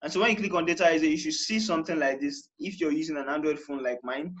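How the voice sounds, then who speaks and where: Speaking fast in a fairly high, slightly bright voice with the highs cut off, a young man from Nigeria walks through a casual how-to. He repeats himself and keeps saying "all right."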